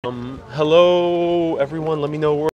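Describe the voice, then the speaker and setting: A livestream host, a man who speaks Spanish natively and has a mixed accent, chats casually outdoors along evening streets and a harbor. His voice sits on the high side with a darkish tone at normal speed. The lo-fi audio is full of noisy street ambience.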